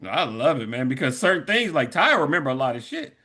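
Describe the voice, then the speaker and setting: A man's voice: medium pitch, very animated, fast, pushed and bright. A man joking and bantering with friends on a podcast in casual chat, chuckling between lines. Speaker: podcast co-host.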